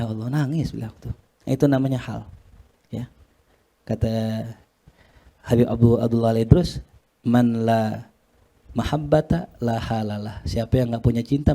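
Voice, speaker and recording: Brief: male ustadz, mellow low-key voice, reads Arabic then explains it casually, with jokes. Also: vocal fry. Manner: explains Arabic text line by line in relaxed Jakarta slang, joking asides. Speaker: ustadz teaching a classical Sufi text. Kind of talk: casual religious study lecture.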